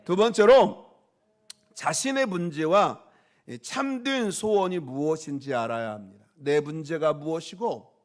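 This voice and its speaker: A man's voice: fairly high pitch, unhurried. A male pastor preaching a sermon, calling out questions to the congregation and pressing his points with emphasis.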